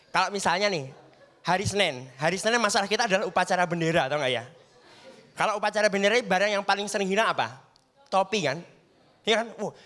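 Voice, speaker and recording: With a high, sharp-toned voice, a young comic works a live audience on a studio stage. His set is conversational, and he keeps checking in with the crowd for agreement.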